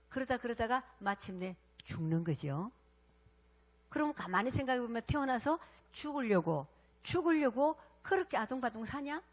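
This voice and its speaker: A woman pastor preaches with animated, lively intonation, pitched fairly high for a woman. She talks to her congregation directly, asking questions and prompting them to respond. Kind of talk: sermon.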